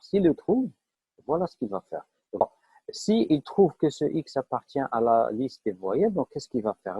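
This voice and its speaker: A man's voice: mid-range voice, vocal fry, dark tone, breathy edge, no echo. A man teaching a live online programming class, explaining step by step with frequent fillers and checks that students follow. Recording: dull lo-fi online class audio.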